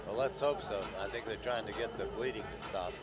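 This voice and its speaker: A man giving relaxed, agreeable color commentary on a sports broadcast. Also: fairly low pitch, a little fast, over loud music. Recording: broadcast commentary over loud arena crowd.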